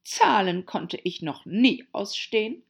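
A woman putting on the hoarse, snappish Duchess. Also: mid-range voice, lively intonation, voice pushed up, exaggerated voice. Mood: rude. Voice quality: hoarse growl. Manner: snappish, rude, drawn-out words. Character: harsh bossy noblewoman, the Duchess. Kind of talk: audiobook character voice.

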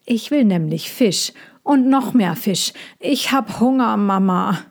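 A woman voicing a young, cheeky, hungry animal cub boy in a storybook, with a bright, eager voice. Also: mid-range voice, animated, slow. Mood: whiny.

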